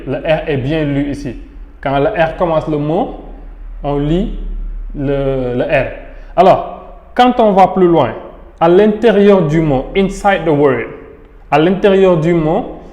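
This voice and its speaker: Slow, echoey teacher. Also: male voice, fairly high pitch, darkish tone. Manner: patient, repeats each rule and example slowly. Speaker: English teacher. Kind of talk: French-language pronunciation lesson. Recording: echoey room with long reverb.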